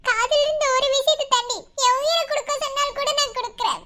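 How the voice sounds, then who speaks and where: A woman voicing a timid young college girl in a cartoon, pleading softly through tears. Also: fairly even intonation, fast talker. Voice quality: very high, bright voice. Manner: pleading, soft and tearful. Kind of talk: animated cartoon voice acting.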